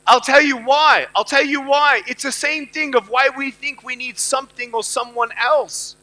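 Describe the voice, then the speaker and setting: A man's voice: very high voice, fairly even intonation, normal speed, bright, forceful tone, poor audio. A middle-aged man giving a motivational speech to students at a university event. He talks emphatically and repeats his key phrases. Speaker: motivational speaker.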